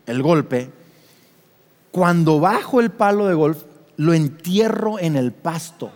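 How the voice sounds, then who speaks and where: A middle-aged man with a Mexican accent, a pastor preaching a sermon and telling a personal story in an animated way, acting out scenes and questioning his listeners. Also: fairly high pitch, slow pace, in a large hall.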